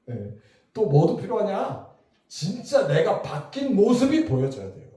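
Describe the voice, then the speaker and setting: A middle-aged man preaching a revival sermon, his mellow voice swinging up and down as he questions the congregation. The sound is very echoey, picked up from some way off the mic. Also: sits high, unhurried, recorded from a distance. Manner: lively, talks to the crowd with questions. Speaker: pastor. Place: church hall.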